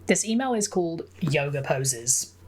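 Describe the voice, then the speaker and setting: A young woman talks through a game in a relaxed, chatty way, giggling often and reading messages out in a quicker, flatter tone. Her voice sits a little low for a woman. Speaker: gameplay commentator. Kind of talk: let's play commentary reading in-game emails aloud.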